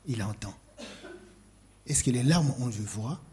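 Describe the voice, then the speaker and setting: A man preaching a sermon, posing rhetorical questions with dramatic pauses and reading scripture aloud in a slowed, solemn cadence. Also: mid-range voice, lively intonation, mellow, a little hiss or hum.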